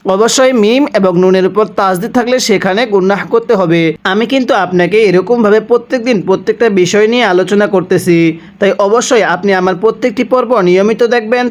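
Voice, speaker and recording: A man teaching Quran reading step by step, spelling out each letter and vowel mark, then reciting the words slowly and asking listeners to repeat after him. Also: high voice.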